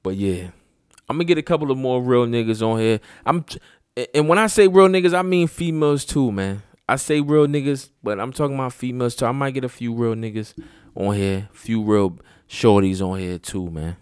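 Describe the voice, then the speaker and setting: A man's voice: fairly low pitch, moderate pace, darkish tone, clear, resonant tone, no room sound, clean studio sound. A sleepy man rambling profanely in a casual late-night monologue from his room, repeating himself as he talks. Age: adult father. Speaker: host.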